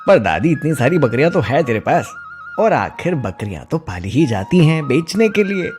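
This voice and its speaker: A man's voice: on the high side, sing-song, moderate pace, a little mellow, faint music behind. A man playing a sly greedy goat thief. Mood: wheedling. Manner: wheedling, sly, mocking.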